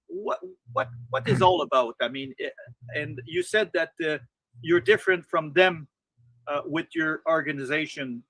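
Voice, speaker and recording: A man with a Quebec French accent, a native French speaker, hosting an interview and searching haltingly for words when in English. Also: fairly high pitch, big pitch swings, a bit bright, no room sound, rough recording. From Quebec, Canada. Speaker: interviewer, channel host.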